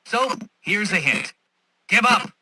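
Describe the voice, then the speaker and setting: The Riddler, sharp, smug genius villain. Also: male voice, fairly high pitch, very animated, moderate pace, breathy edge, dry recording, heavily acted, poor audio. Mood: dismissive, gloating. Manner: pompous, sarcastic, precise wordy diction. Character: smug, condescending male genius villain, mocking and theatrical. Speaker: video game villain. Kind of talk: scripted game villain taunts.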